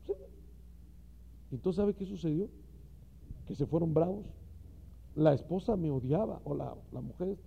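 Gravelly-voiced man preaching with passion. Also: fairly high pitch, unhurried, long pauses, in a large hall. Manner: impassioned preaching, talks straight to the listener. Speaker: pastor. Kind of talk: sermon to ministers. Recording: dull lo-fi recording.

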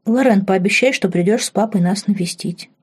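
A woman reading an audiobook voices a solemn teenage boy who explains things calmly. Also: high voice, a little fast, slightly rough. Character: solemn teenage boy, responsible older brother.

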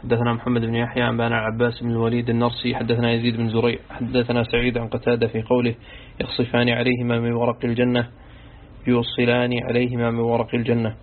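A man reading a classical Quran commentary aloud as an audiobook, running through chains of narrators in a steady recitation. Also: mid-range voice, fast. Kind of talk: audiobook reading of a religious text. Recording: tinny narrow-band recording with faint hiss.

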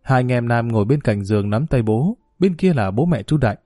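A man narrating a family drama story in a calm, steady reading voice. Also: mid-range voice, brisk, no room sound, clean studio sound.

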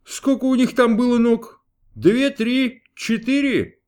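A man's voice: very high-pitched, takes it slowly, a little mellow, voice pushed up. A man reading an audiobook, voicing a grumpy, capricious male God who snaps, grumbles and mocks. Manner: snapping, grumbling, mocking. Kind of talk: audiobook character voice.

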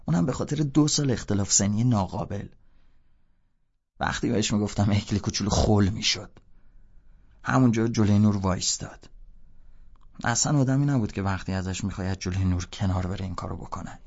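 A man with a gravelly, fairly low voice narrates a novel in the first person. He keeps the telling casual and slangy, like a bored youth talking. The recording is dull and lo-fi. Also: long pauses, darkish tone. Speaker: audiobook narrator.

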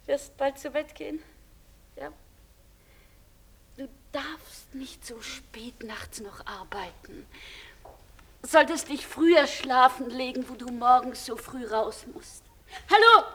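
A high, slow-spoken voice of a forsaken woman on the phone. She drops to near-whispers, then calls out loudly when the line breaks up. The speech sounds like a radio drama. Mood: tender. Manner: shifts between hushed murmurs and loud calls into the phone. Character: despairing woman, clinging to her lost lover. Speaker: abandoned lover on the telephone.

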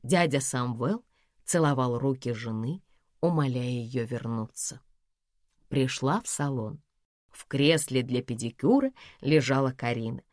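A woman narrating a story in the first person, telling it in a lively, expressive way. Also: extremely low pitch, measured pace, no room sound, clean studio sound.

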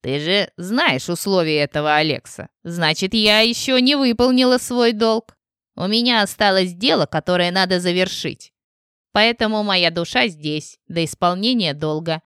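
A woman voicing a female witch ghost who talks in a calm, scornful and biting way. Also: medium pitch, normal speed, smooth, no echo, studio quality, natural voice. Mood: solemn. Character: mocking female witch ghost, cool and sharp.

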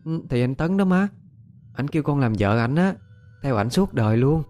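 A man's voice: mid-range voice, lively intonation, moderate pace, darkish tone, slight background noise, pitched above the performer's own voice, lightly acted. A man voicing an eighteen-year-old village girl who sounds whiny and pleading. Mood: dreamy.

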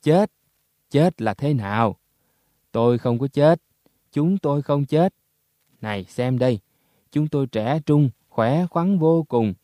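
A man voicing the ghost of a young male soldier, blunt and rough in his talk. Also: medium pitch, expressive, slow, pauses often, warm tone, no room sound, studio quality. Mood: defiant.

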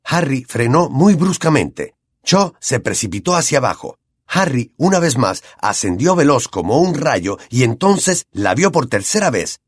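A man with a Latin American Spanish accent narrating an audiobook in an expressive, animated way. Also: medium pitch, measured pace, slightly rough, no room sound.

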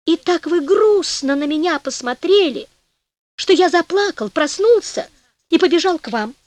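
Storybook trickster: a wheedling, falsely meek peasant man with a high, sing-song voice, done by a woman. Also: expressive, moderate pace, dry recording. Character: sly flattering peasant rogue, man.

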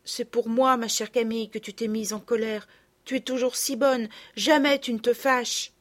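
A woman reading aloud voices a kind, gentle little girl who speaks softly and tenderly. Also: a little high, steady tone, normal speed, lightly acted. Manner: soft, tender childlike voice.

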